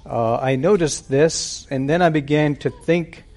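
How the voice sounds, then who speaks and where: A man preaching and praying at a church service, speaking into a pulpit microphone in an unhurried, deliberate way with frequent pauses. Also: a little high, darkish tone. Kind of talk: sermon with prayer.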